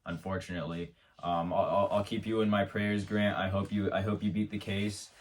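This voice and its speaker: In an absurd comedic monologue, a man hosting his own show tells a meandering, mock-serious story and keeps stumbling over restarts. His lowish voice is brisk with little pitch movement, recorded on a distant mic.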